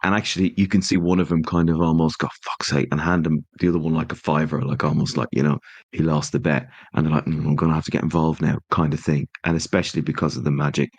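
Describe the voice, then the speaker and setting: A man's voice: extremely low pitch, steady tone, fast talker, husky, no echo. A man narrating as game master and setting scenes loosely and descriptively.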